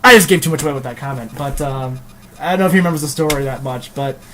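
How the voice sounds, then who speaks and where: A man's voice: medium pitch, very fast, background noise. Rambling, hesitant male game reviewer. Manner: rambling, hesitant, swears casually. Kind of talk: casual review chat.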